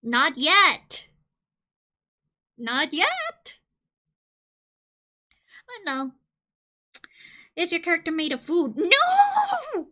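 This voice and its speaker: A woman from Colombia streaming casually, joking and reading game questions aloud, with sudden loud squeals. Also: very high-pitched, huge pitch swings, drawn-out words, pauses often.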